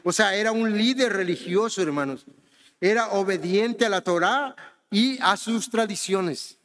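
With a high, slightly bright voice at a measured pace, a Honduran man preaches amid a long reverb tail. His sermon is conversational, and he often turns to the congregation with "¿verdad?" and addresses them as "hermanos."

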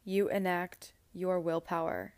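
A woman guiding a meditation in a slow, soft, soothing voice with long pauses. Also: fairly low pitch, flat delivery, dry recording. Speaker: meditation guide. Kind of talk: guided meditation.

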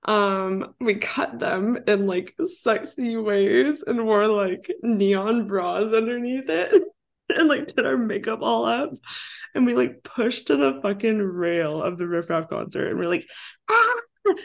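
A woman's voice: medium pitch, a little slow, vocal fry. A young woman in her twenties hosting a casual podcast chat, giggling often and saying "like" constantly. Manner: giggly, says "like" a lot. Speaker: podcast host.

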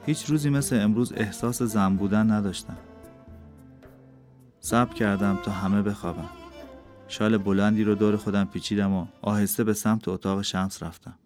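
A man reading a novel aloud as an audiobook, telling the story in an intimate, measured first-person way. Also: on the low side, fairly even intonation. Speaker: audiobook reader. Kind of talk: scripted narration of a novel. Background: soft instrumental music.

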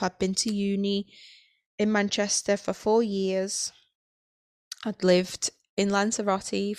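A woman in her thirties talks through a personal podcast monologue in a candid, halting, reflective way. Her voice is smooth and resonant, with a clear, even tone. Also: medium pitch. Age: 30s. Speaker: podcast host.

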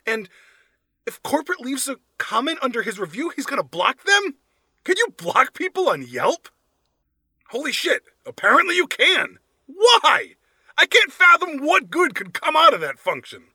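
A man's voice: very high voice, huge pitch swings, normal speed, bright, forceful tone, no echo. A man hosting a podcast, giving sarcastic, profane comedic commentary while reading reviews aloud. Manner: sarcastic, swears freely. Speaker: podcast host.

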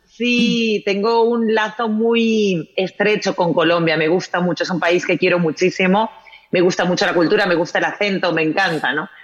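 A woman from Spain with a Spanish accent, a writer and journalist chatting as a guest in an interview, animated and telling stories with frequent tag questions. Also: on the low side, normal speed, lo-fi sound. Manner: warm, animated storyteller with frequent "¿no?". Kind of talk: casual interview chat.

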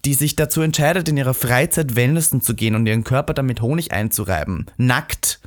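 A man co-hosting a podcast, chatting casually and telling animated stories with acted-out quotes. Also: mid-range voice, brisk. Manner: animated storytelling, acts out quoted voices. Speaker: podcast co-host.

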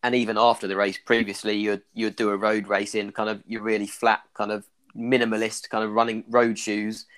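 A man with an Irish accent talks through running injuries as a clinician in a casual podcast discussion. His voice sits fairly low and stays quite flat in pitch. He leans on fillers like "kind of" as he explains. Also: a little fast.

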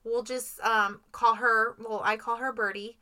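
A woman's voice: fairly high pitch, a little slow. A middle-aged woman co-hosting a casual podcast, telling stories with lots of energy and swearing freely. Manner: animated storyteller who swears freely. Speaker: podcast co-host. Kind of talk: casual chat.

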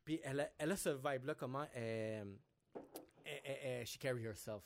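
A man hosting a podcast, telling stories in a relaxed way with English slang mixed in. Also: mid-range voice, fairly quick, slight background noise. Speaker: podcast host. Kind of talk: casual podcast chat.

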